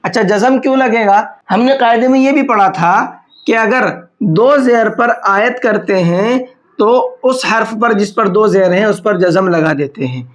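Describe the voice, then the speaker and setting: In this tajweed lesson on pronunciation, the Quran teacher speaks in a high register and patiently works through questions he asks himself. He demonstrates by slowing down and drawing words out.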